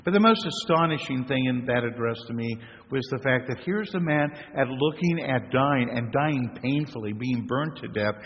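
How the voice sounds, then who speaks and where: An older man preaching a sermon from the pulpit in a measured style that climbs into emphatic flourishes. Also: mid-range voice, a little hiss or hum. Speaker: pastor. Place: church. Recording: reverberant church, dull lo-fi sound.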